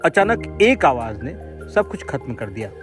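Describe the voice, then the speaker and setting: A man reporting the news in a measured, dramatic scripted narration. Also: medium pitch, very animated. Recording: voice-over with loud background music.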